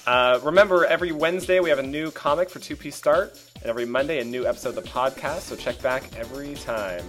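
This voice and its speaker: Casual male podcast host, mid-pitched, jokey and laughing often, faint music underneath. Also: quick pace, fairly bright tone. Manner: laughing, joking, loose.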